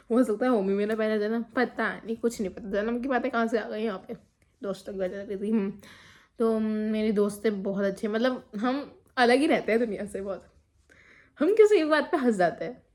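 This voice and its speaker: A woman's voice: medium pitch, fairly even intonation, normal speed, a little mellow. A teenage girl telling a rambling, giggly story about school friends in a casual vlog. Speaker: vlogger.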